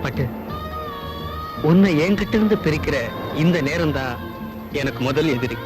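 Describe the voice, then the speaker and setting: A man's voice: a little high, animated, normal speed, over loud music, lightly acted. A young actor playing a hero who coaxes his sweetheart tenderly, in a Tamil film. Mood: coaxing. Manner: tender, coaxing. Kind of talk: 1980s Tamil film acting.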